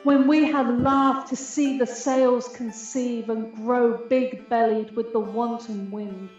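A woman plays a proud, aggrieved fairy queen, declaiming Shakespearean radio verse in a stately, measured, unhurried manner, tender yet resolute in mood. Her fairly high, slightly mellow voice keeps a fairly even intonation. It rings with very heavy echo, sounds slightly muffled, and has music underneath.

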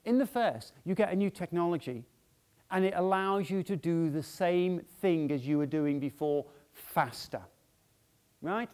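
A man with a fairly high voice delivers a conference talk from a stage in a big hall. He keeps it loose and conversational, tossing "yeah?" out to the crowd between points. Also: unhurried, darkish tone, clear, resonant tone. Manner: chatty, asks "yeah?" to the audience often. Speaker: conference speaker.

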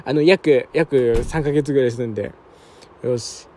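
A young man doing casual let's-play commentary at home, talking roughly to himself and his viewers with quick chuckles. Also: medium pitch, warm tone. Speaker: game streamer. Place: apartment room at night, keeping his voice down.

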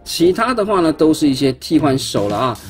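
A man's voice: a little high, very animated, a little fast, soft background music. Chatty man demonstrating a toy. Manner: chatty, hesitant, stumbles and repeats words while handling parts. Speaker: toy reviewer. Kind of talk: casual unboxing demonstration. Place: indoors at a tabletop.

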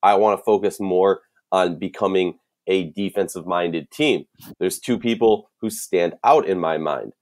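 Speaking in a low-pitched, unhurried voice, this podcast co-host has a Minnesotan accent. He thinks out loud on a casual sports podcast, restarting often and leaning on fillers.

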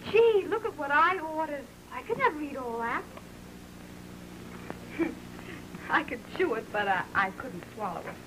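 A woman's voice: high voice, expressive, unhurried, long pauses. An actress playing a slangy, playful young working-class American woman in an early talkie. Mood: playful, chatty. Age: young adult. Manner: slangy, chatty. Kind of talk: early talkie film acting. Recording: noisy old film soundtrack.

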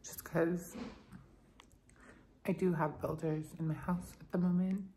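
This young vlogger in her twenties talks casually into a phone at arm's length, first indoors in her kitchen and later outside on a rooftop terrace, using plenty of "um" and "like." She speaks at a measured pace in a mellow, lowish voice with a level tone, and ambient noise is audible.

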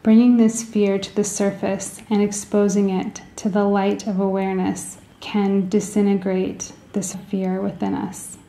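In a spacious, echoey recording, a woman with a mid-range voice leads a guided meditation. She sounds calm and gentle, pausing and choosing her phrasing with care, and her pitch barely moves.

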